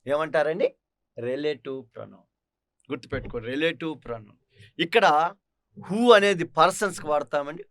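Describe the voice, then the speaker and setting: A man's voice: on the high side, normal speed, pauses often, a bit bright. A man teaching an English grammar lesson, explaining step by step and asking his class rhetorical questions. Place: online teaching studio.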